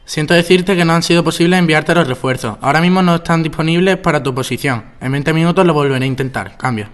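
A teenage boy playing a calm military base operator in an amateur radio drama, using formal procedure talk over a radio. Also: fairly high pitch, fast, a little hiss or hum, lightly acted. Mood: regretful. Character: military control-tower operator, calm and apologetic. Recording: loud music behind.

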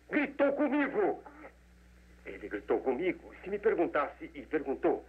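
Brief: gossipy butler, animated, husky, phone-thin 1940s dub. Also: male voice, fairly high pitch, full character voice. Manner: fussy, listing details, dramatic. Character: fussy talkative household servant. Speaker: servant. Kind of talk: 1940s Brazilian Portuguese film dub. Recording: tinny old film dub.

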